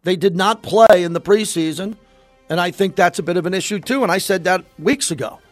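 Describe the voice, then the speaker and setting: A man's voice: sits high, a little fast, no echo, faint music behind. An American man hosting sports talk radio, giving emphatic opinions and repeating phrases for emphasis into a close studio mic. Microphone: close studio microphone.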